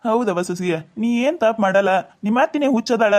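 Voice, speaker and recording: A man voicing an older village father-in-law in a cartoon, soothing and pleading for calm in a North Karnataka Kannada accent. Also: high-pitched, quick pace. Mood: placating. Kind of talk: cartoon voice acting.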